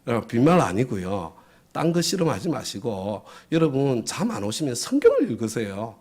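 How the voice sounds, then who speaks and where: A man's voice: medium pitch, normal speed, slightly rough. A male pastor preaching a lesson, asking his listeners questions and answering them himself. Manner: lively, asks the audience questions and answers them; acts out little quoted voices for effect. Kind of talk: sermon lesson to a congregation.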